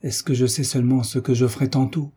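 A man's voice: medium pitch, steady tone, quick pace, dark tone, slightly rough. A man voicing an anguished young nobleman in love in a read-aloud novel, speaking in impassioned despair.

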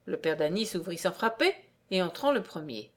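A woman reading an old-fashioned story aloud in a measured, formal way. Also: lowish voice, animated. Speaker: reader.

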